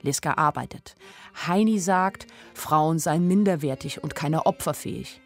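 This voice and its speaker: Deep-voiced and unhurried, a woman performs the first-person narration of a literary radio play adaptation. Her character is a naive, observant village girl who tells her story in a wry, plain-spoken way, and studio music runs beneath her.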